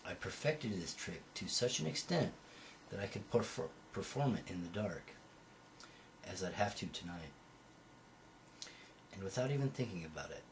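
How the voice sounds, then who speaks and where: The audio is poor on this amateur's home-recorded novel reading, with faint background noise. His deep voice is expressive at a moderate pace, and he pauses often, sometimes stumbling over words and correcting himself.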